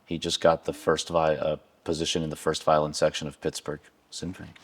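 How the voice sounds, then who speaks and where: A man, a violinist interviewing his former teacher, talking eagerly and haltingly, with many restarts. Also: a bass voice, monotone, slightly rough. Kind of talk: conversational interview.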